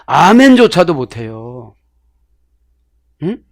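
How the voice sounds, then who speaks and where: Middle-aged male pastor, sermon delivery, animated and slightly high-voiced, dry close recording. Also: slow pace, gravelly, no echo. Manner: animated, swings between loud exclamations and hushed asides. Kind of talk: sermon with Bible word study.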